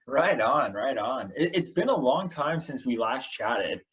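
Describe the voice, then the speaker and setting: Male host, easygoing, agreeable, mid pitch, dull lo-fi audio. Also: expressive, unhurried, a crowd in the background. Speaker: radio host. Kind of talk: casual interview chat.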